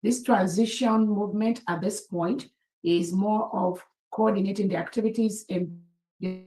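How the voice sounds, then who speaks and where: A woman's voice: mid-range voice, fairly even intonation, normal speed, dark tone, roomy sound, low-quality recording. A woman addressing members in an online meeting, earnest and formal, thanking people by title.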